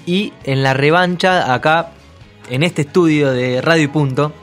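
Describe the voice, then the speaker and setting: A man with an Argentine accent, a radio host telling anecdotes in an animated casual chat in the studio. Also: on the high side, a little slow. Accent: Argentine Spanish. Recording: radio studio with faint music.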